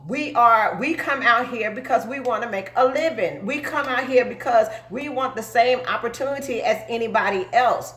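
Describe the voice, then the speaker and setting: A woman's voice: fairly high pitch, a bit bright. Emphatic forty-year-old woman, echoey room. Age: 40s. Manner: emphatic, repeats "okay?" often. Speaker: truck driver and recruiter. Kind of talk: motivational live talk to viewers.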